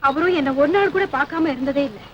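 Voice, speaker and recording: A woman's voice: high voice, fast, dull audio, a little hiss or hum, natural voice. An actress playing an earnest, easily upset young woman in a film comedy, pleading and tearful. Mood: worried. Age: young adult.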